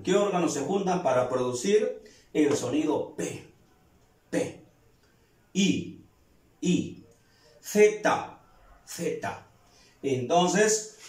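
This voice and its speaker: A man teaches a grammar lesson to a class, breaking it down step by step and answering his own questions. His voice runs fairly high with a darkish tone, and the recording is echoey with him far from the mic.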